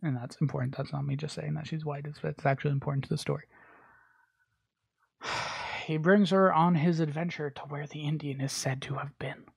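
A man's voice: fairly high pitch, fairly even intonation, fairly quick, gravelly, slightly rough. A man hosting a podcast alone, recapping a bad movie in a rambling, crude, joking way with lots of fillers. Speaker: podcast host. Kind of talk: casual solo movie recap.

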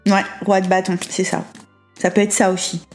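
A woman giving a tarot reading in a fast, chatty way, with frequent asides and check-ins to the listener. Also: medium pitch, level tone, soft background music. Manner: quick, chatty, with many asides and checks like "hein" and "d'accord"; switches to slow, careful reading when reading card text aloud. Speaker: tarot reader. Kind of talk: casual spoken tarot reading.

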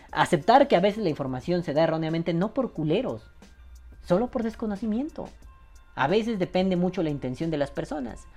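A man with a Mexican Spanish accent hosting a casual podcast from home, joking and swearing as he reads listener comments. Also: fairly high pitch. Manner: joking, profane, animated. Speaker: podcast host. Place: home room.

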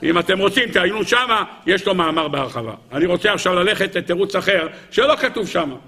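A rabbi giving an animated Torah lecture, firing rhetorical questions at his listeners. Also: high voice, slightly rough.

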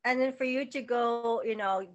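Halting, high-voiced woman guest. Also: lo-fi sound. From lives in the United States. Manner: halting, with many restarts and fillers. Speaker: podcast guest. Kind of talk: casual interview chat.

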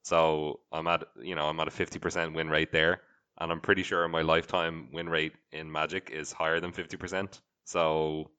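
Deep, bright-toned man on a dull mic. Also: level tone, moderate pace, clear, resonant tone. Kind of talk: casual chat.

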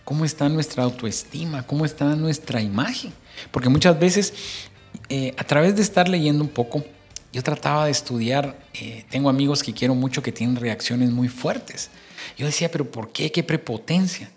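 Middle-aged male host, mid-pitched, talks faith to the listener over soft music, acts out quotes. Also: normal speed. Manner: preachy, addresses listener directly, acts out little quotes.

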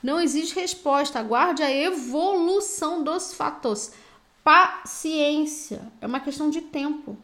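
A Brazilian woman with a high voice reads tarot cards aloud. She is blunt and direct, and she scolds and encourages the listener in casual slang. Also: unhurried, a bit bright. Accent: Brazilian Portuguese. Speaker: tarot reader. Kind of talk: intuitive tarot reading.

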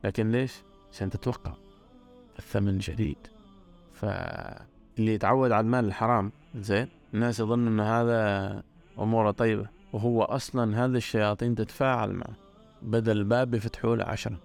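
A man's voice: on the low side, steady tone, a little fast, gravelly, darkish tone, faint music behind. A man giving an earnest religious talk, stressing points by repeating words. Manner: earnest, repetitive emphasis.

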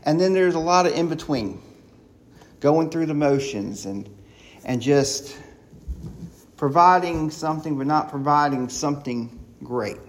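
Man preaching, fairly high voice, excited, fast-talking, many restarts. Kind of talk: sermon.

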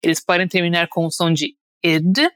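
A young Brazilian woman with a Brazilian Portuguese accent is an upbeat pronunciation teacher leading listeners through drills in a podcast lesson. Her voice is fairly low and a bit bright, with a steady tone and moderate pace. The sound is clean studio audio with no room sound.

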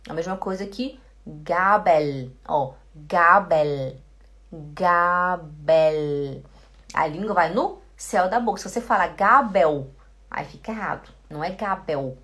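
A Portuguese-speaking woman teaching German pronunciation, repeating each word again and again. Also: on the low side. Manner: slow, repeats words many times. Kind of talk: pronunciation lesson.

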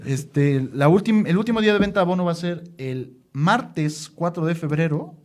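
A man with a Mexican accent, a sports club guest on a casual podcast, joking and animated. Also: fairly high pitch, normal speed. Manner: joking, animated, self-mocking.

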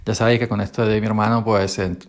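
A man's voice: fairly low pitch, little pitch movement, fast. A man from Spain hosting a podcast, recorded on his phone in his bedroom, telling a story in a rambling, wry way. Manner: rambling, wry, repeats himself. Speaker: podcast host. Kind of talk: casual storytelling monologue. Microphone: mobile phone.

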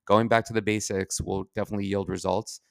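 A man's voice: on the low side, flat delivery, fast, gravelly, no echo, studio quality. A man giving an informal business advice monologue in an opinionated, emphatic, plain-spoken way. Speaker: marketing agency professional giving advice.

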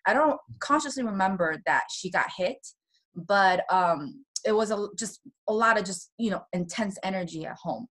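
A woman from Taiwan, a guest in an interview, telling her personal story in a soft voice with nervous little laughs. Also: mid-range voice, expressive, normal speed. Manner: soft-spoken, laughs nervously between painful memories.

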